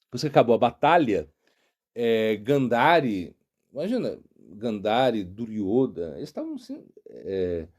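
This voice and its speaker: Brazilian man, middle-aged monk; lively pitch, mellow tone, unhurried sermon storytelling. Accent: Brazilian Portuguese. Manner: unhurried storytelling, searching aloud for words. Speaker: monk and spiritual teacher. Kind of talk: devotional sermon.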